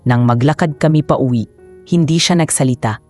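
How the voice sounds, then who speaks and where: A woman narrating a first-person love story in a calm, reflective, scripted way. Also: rumbling low, brisk, soft background music.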